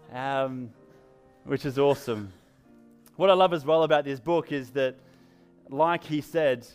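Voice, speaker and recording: A pastor from England preaches at a church service, his medium-pitched voice smooth as he tells stories in an upbeat, conversational manner with an English accent.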